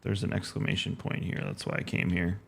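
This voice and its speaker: A man's voice: sits low, flat delivery, fairly quick, vocal fry, husky. A man streaming a game, chatting casually and thinking aloud with jokes. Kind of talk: casual gameplay commentary.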